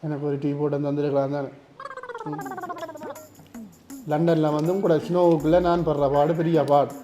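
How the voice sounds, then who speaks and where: Whiny high Jaffna Tamil man. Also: flat delivery, moderate pace, music in the background. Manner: whiny, complaining loudly. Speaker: comedian in a sketch. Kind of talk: comic sketch dialogue.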